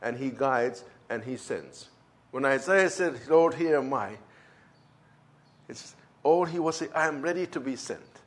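His voice is medium-pitched with lively intonation and a measured pace. A fervent non-native English speaker with a German-Turkish accent, he shares a personal testimony, acting out conversations emphatically.

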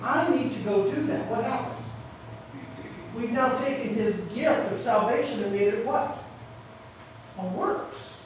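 Speaking from the sanctuary into a church mic on a stand, this pastor asks his listeners questions and answers each one himself, now and then stepping back from the microphone. The man has a very high voice. The recording is reverberant with a bit of noise in the background.

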